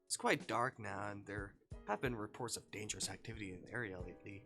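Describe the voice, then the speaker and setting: A man's voice: fairly low pitch, fast, pushed and bright, faint music behind. A man streaming live, reading a fan fiction story aloud in second person and breaking into playful asides.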